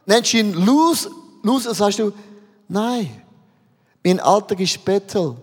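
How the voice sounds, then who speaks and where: A man with a Swiss German accent delivers a sermon, firing rhetorical questions at his congregation. His voice sits high. It carries a long reverb from a large church hall. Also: expressive, a little slow, husky. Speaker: pastor.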